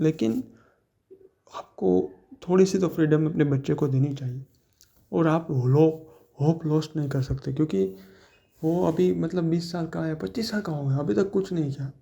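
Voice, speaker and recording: An earnest young man talks straight to his listener in a loose, rambling motivational monologue, full of restarts and mixed-in English words. His voice sits a little high yet sounds dark and mellow. The recording is dull and lo-fi. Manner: addresses listener as brother, mixes in English words. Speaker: motivational speaker.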